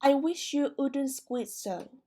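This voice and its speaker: A woman's voice: high-pitched, animated, slow pace, mellow, pitched above the performer's own voice. A woman voicing a grumpy, sleepy male dormouse in a storybook reading, complaining.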